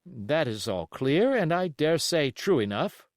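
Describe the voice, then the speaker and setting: A man voicing a calm, authoritative gentleman doctor in an audiobook, courteous and probing in manner. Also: fairly high pitch, measured pace, no room sound, clean studio sound. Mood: reasonable, probing. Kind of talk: audiobook character acting.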